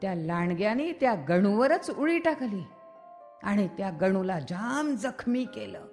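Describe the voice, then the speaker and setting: A woman narrating a children's story in a slow, expressive, repetitive storytelling manner. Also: medium pitch. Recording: reverberant studio with background music.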